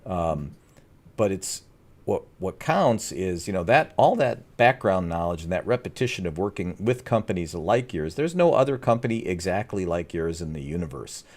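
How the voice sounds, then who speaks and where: A man with a lowish voice co-hosts a business podcast in an easy conversational way. He gets animated and now and then drops into playful put-on to make a point. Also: normal speed. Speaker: podcast co-host, agency owner. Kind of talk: casual podcast chat.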